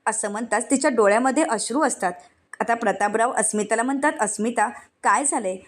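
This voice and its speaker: A woman with a Marathi accent, her voice sitting a little high, tells the story of a serial episode scene by scene. She reads the characters' lines in the same steady storytelling voice. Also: brisk. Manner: narrates plot and voices quoted lines in the same reading voice. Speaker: serial recap narrator.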